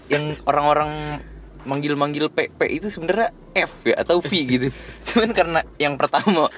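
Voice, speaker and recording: A man's voice: fairly high pitch, normal speed, fairly bright tone. A young man co-hosting a podcast, chatting casually in a laid-back, teasing way with casual swearing. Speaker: podcast co-host. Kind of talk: casual chat.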